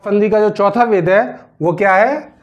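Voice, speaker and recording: High-voiced teacher explaining grammar. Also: male voice, moderate pace. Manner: repeats questions to the class, drags out words while writing. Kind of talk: classroom grammar lesson.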